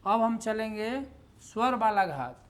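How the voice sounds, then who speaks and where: A woman's voice: a little high, lively intonation, measured pace. A woman teaching a grammar lesson, explaining step by step, stressing single words in her examples and correcting herself in passing. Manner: self-correcting, conversational asides.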